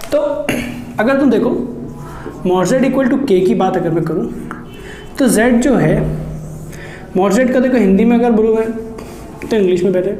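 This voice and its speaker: In a reverberant room with slight background noise, a man with a high, dark-toned voice teaches an exam-prep maths lecture. He goes step by step, poses rhetorical questions, calls his students children and mixes in English terms.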